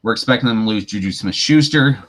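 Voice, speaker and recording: A man co-hosting a sports podcast, chatting casually and giving opinionated, animated takes. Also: fairly low pitch, fast. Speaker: podcast co-host.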